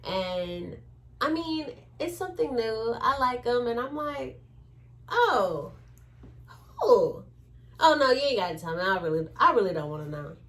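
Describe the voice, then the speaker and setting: Speaking at a measured pace in a fairly high voice, a woman tells a story during a casual chat. She makes the retelling animated by acting out the quoted dialogue as she goes.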